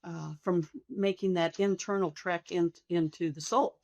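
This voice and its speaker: An older woman, a hospice nurse, answering interview questions reflectively in a soft, slow, thoughtful, measured manner. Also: on the low side, fairly even intonation, dry recording, highs cut off.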